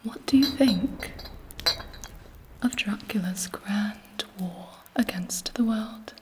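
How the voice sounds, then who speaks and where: Woman whispering as Carmilla, a slow, haughty vampire queen. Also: mid-range voice, darkish tone, lightly acted, rough recording. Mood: sly, seductive. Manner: imperious, sardonic, slow and deliberate. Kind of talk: whispered ASMR roleplay.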